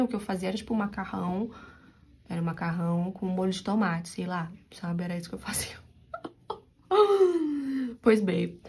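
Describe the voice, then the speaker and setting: A young woman from Brazil with a São Paulo interior accent tells her viewers a story in a lively, confiding manner as she crochets. Her voice has a mellow, warm tone. Her pitch sits in the middle of the range. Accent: São Paulo interior Brazilian Portuguese. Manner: animated, confiding storyteller who addresses viewers directly. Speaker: crochet channel host.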